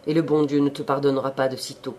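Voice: mid-range voice, level tone, quick pace, a little mellow, a little hiss or hum, lightly acted. A reader voicing an older country priest who lectures and coaxes with a wry, knowing manner, in an audiobook of a classic novel. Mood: sly sermonizing. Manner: sermonizing, wry and cajoling.

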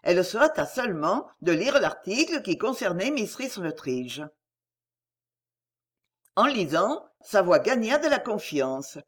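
Expressive woman narrating a classic novel. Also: medium pitch, a little slow, husky. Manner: expressive, dramatic reading. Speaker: audiobook reader.

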